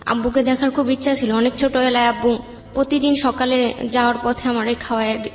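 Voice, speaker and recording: A woman from Bangladesh, raised in Dhaka, tells her personal life story as an interview guest with a Bangladeshi accent. Her voice is on the high side, steady in tone and brisk. The recording is muffled, in an echoey room with a music bed.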